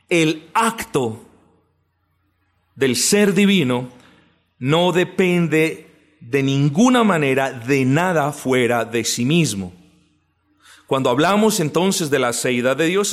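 Guy preaching a teaching sermon, fairly high voice, drags out words to stress them, calls folks brothers. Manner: deliberate, stretches key words slowly for emphasis; addresses listeners as brothers, asks and answers own questions. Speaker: pastor teaching doctrine.

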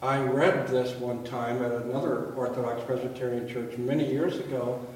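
Pastor's voice in a cathedral echo. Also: male voice, mid-range voice, level tone, normal speed, a little mellow. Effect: cathedral echo, voice ringing through a large hall. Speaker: pastor leading a communion service. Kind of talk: sermon and spoken liturgy. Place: large church sanctuary, indoors. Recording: echoey hall, voice picked up from far off, faint background hum.

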